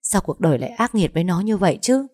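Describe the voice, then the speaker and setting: A woman's voice: fairly low pitch, expressive, fast talker, darkish tone, breathy edge, no room sound, studio quality. A woman voicing a worried older mother in a storybook reading, asking anxious, pressing questions.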